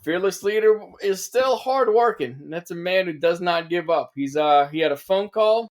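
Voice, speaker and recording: A man's voice: high voice, animated, moderate pace. A man co-hosting a casual satirical news podcast, sarcastic and laughing often. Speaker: podcast co-host.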